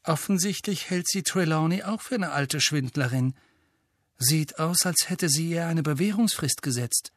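A man's voice: fairly high pitch, normal speed, no echo, pitched above the performer's own voice, lightly acted. A man voicing a frustrated teenage boy, who speaks indignantly and protests. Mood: confiding.

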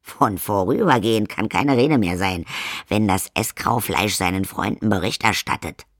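A man's voice: lowish voice, normal speed, fairly bright tone, no echo, studio quality. A man voicing a sulky, scornful vampire daughter who talks back to her parents. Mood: defiant. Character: sulky, scornful young vampire daughter, 200 years old.

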